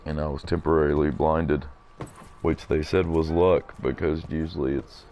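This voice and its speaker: A man's voice: rumbling low, little pitch movement, moderate pace, mellow, slight background noise. A man in his thirties streaming a game live, chatting and rambling to his viewers as he plays. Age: 30s. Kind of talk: casual live gameplay commentary.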